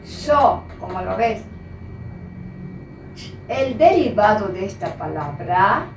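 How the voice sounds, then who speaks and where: A woman teacher giving a slow, patient spelling lesson and repeating the key words. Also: mid-range voice, sing-song, a little hiss or hum. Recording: echoey room, voice from a distance.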